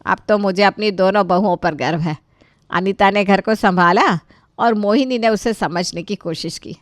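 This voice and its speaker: A woman's voice: medium pitch, moderate pace, dry recording, studio quality, natural voice. A woman voicing an older mother-in-law who heads the family in a cartoon story. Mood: proud. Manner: scolding, then proud. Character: stern older mother-in-law, head of house.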